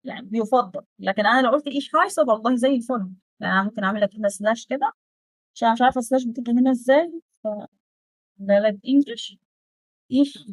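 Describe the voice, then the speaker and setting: Egyptian woman in her twenties, quick and chatty language teacher, rather high voice, dry close sound. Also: no echo. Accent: Egyptian Arabic. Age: 20s. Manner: lively, quick, chatty and direct, slows right down to spell out German phrases. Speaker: German teacher. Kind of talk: casual Egyptian Arabic lesson.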